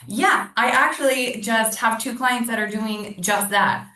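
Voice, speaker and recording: A woman's voice: fairly high pitch, unhurried, bright, forceful tone. An American woman on a casual group video call, bubbly, laughing often and saying "like" a lot. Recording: roomy sound from far off the mic.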